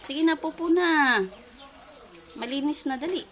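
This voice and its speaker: A woman's voice: sits high, unhurried, background noise. A woman talking baby talk to her pet, coaxing and cooing in a sing-song way. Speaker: pet owner. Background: music.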